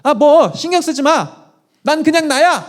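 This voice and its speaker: A man voicing a dismissive young woman in a sermon anecdote, pitched far above his own voice and drawn out slowly. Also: lively intonation. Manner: breezy, shrugging off.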